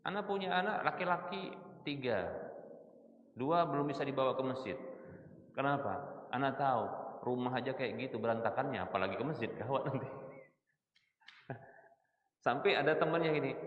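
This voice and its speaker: A middle-aged man with a Medan-area Indonesian accent preaching in a mosque, quizzing his listeners with rhetorical questions. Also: medium pitch. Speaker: Islamic preacher. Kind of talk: mosque study sermon. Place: mosque hall. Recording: echoey, distant, muffled hall recording.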